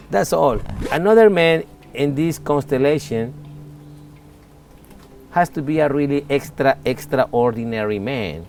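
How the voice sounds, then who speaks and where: A man's voice: mid-range voice, expressive, darkish tone, faint music behind. Candid Salvadoran man in his forties. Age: 40s. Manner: earnest, candid, halting non-native English. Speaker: interviewee. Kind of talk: casual interview talk.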